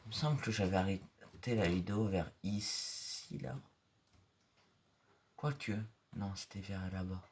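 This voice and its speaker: Low-voiced man rambling over gameplay. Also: measured pace, pauses often, a little mellow, a little hiss or hum. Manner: rambling, full of fillers, drifts into low murmurs. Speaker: gaming video creator. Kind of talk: casual gameplay commentary. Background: mouse and keyboard clicks.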